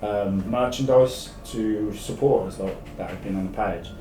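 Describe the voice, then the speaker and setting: An English man in his thirties tells anecdotes in casual interview chat, rambling and matey. His voice sits a little low. The sound is roomy and a bit off the mic, with clear music behind. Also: moderate pace, mellow, distant mic. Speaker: podcast guest, live-streamer.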